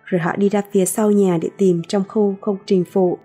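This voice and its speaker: In a measured storytelling voice, a woman narrates a first-person novel as an audiobook. Her delivery is mellow and a little breathy, at a medium, level pitch, while soft music plays faintly underneath.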